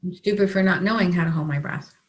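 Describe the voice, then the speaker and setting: A woman practitioner guiding a tapping session, calmly giving phrases for the client to repeat. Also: fairly low pitch, fast talker. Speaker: EFT practitioner.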